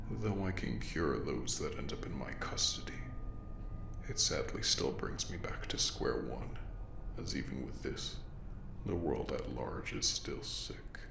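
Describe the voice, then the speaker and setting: A man gives a full character voice to a courtly plague doctor creature in an audio roleplay monologue addressed to the listener, his voice extremely deep and gravelly. He murmurs breathily, slowly, and formally in old-fashioned diction, softly menacing and full of obsessive interest and rapt pride. The recording carries a roomy echo with faint background noise.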